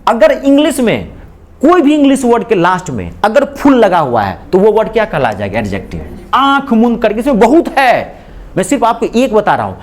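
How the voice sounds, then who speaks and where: This man teaches English grammar to a class, repeatedly drilling students with questions while blending English phrases into Hindi explanations. His high voice moves through huge pitch swings at a slightly fast pace.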